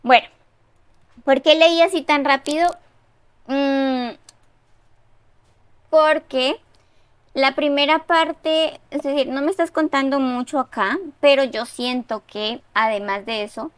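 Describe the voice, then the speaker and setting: A woman's voice: high-pitched, fairly even intonation, takes it slowly, pauses often, no echo. A woman giving casual spoken feedback on a follower's story, conversational, often checking in with tag questions. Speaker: writing reviewer giving feedback.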